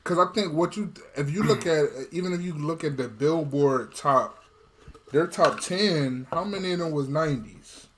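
Slightly high-voiced man, eager chat talker who stumbles over his points; faint hiss. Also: normal speed. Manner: animated, repeats words and stumbles to get a point in. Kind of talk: casual chat.

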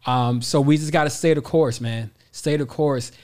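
A man's voice: mid-range voice, normal speed, darkish tone. A man in his forties, a podcast guest giving emphatic motivational talk, repeating his phrases and addressing listeners as y'all. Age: 40s.

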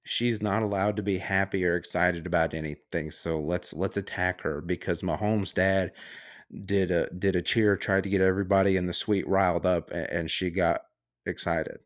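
A man's voice: low-pitched, fairly even intonation, normal speed. A podcast host, a man, ranting on his own in a heated, sarcastic and profane way. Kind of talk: casual solo rant.

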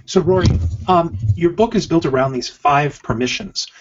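A man's voice: a little high, expressive, normal speed, a little hiss or hum. A man hosting a podcast, asking a long, rambling question with many fillers and hesitations. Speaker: podcast host. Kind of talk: interview question. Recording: slightly dull podcast audio.

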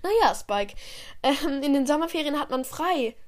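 A woman's voice: high-pitched, animated, moderate pace. A woman voicing a female schoolteacher who patiently questions her class in a sing-song manner. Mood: teacherly.

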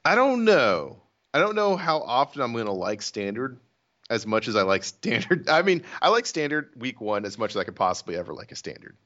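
A man's voice: mid-range voice, very animated, brisk, a bit bright, lo-fi sound. A man co-hosting a casual podcast, answering in short, dry joking remarks. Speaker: podcast co-host.

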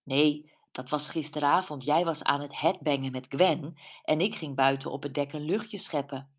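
A woman's voice: low-pitched, normal speed. A woman voicing a friendly, matter-of-fact woman in her forties in an audiobook. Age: 40s. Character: friendly woman near fifty, a curious sleuth.

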